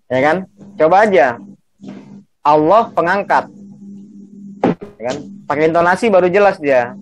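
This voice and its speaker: A man's voice: on the high side, lively intonation, fairly quick, slight background noise. A man teaching a class on Quranic grammar over a video call, explaining patiently and checking in with his students.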